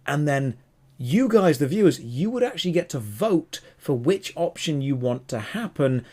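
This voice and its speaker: A man's voice: fairly high pitch, big pitch swings, normal speed, warm tone. A man co-hosting a casual podcast, talking enthusiastically and wandering off on tangents. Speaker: podcast co-host.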